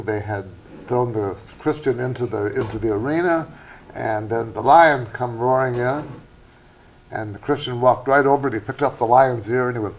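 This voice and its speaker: A man's voice: mid-range voice, poor audio. A man hosting a speaking club show and telling a joke in a folksy storytelling way. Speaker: host. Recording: faint background noise.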